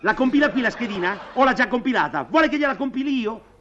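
A man's voice: very high-pitched, lively intonation, fast, sharp tone, a little hiss or hum, heavily acted. A man playing an impatient male lottery clerk who repeats his questions and scolds, in a vintage television comedy sketch. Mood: exasperated. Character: exasperated male lottery clerk, short-tempered. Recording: dull lo-fi old TV audio.

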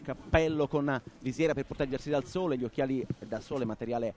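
A man's voice: mid-range voice, a little fast, noisy background. A man giving live sports commentary in a partisan, dramatic way, repeating key phrases. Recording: outdoor venue with crowd behind.

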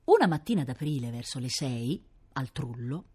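A woman reading a children's story aloud, doing quick voices for the townsfolk in the dialogue. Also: a bass voice, breathy edge. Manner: lively, does many voices for townsfolk in dialogue. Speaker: narrator.

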